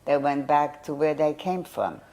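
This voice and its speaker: Recalling her childhood for an oral history, an older Polish woman whose first language was German hesitates, gropes for words and restarts. Her low, mellow voice has lively intonation and a moderate pace.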